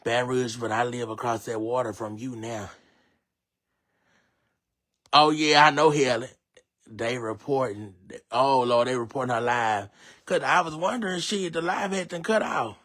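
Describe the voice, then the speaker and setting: A man casually reading viewer comments aloud on a live stream, chatty and slangy, reacting loudly and laughing. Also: mid-range voice, lively intonation, moderate pace.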